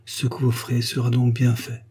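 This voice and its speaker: A man voicing a gentle, grateful poor young girl, speaking softly and earnestly in a slightly raised voice. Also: mid-range voice, monotone, normal speed, slight background noise, lightly acted. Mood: tender. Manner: soft, earnest and tender.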